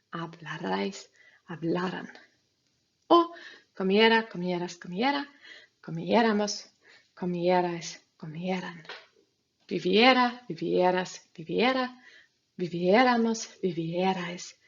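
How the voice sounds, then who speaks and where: A woman's voice: on the low side, husky, highs cut off. A woman teacher giving a recorded grammar lesson, patiently walking students through the rules step by step. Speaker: Spanish teacher.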